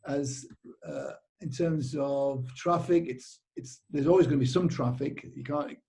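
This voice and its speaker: A middle-aged British man who runs cycling tours chats casually in an interview, rambling with plenty of fillers and restarts. His voice sits on the high side, unhurried and creaky, with a warm tone.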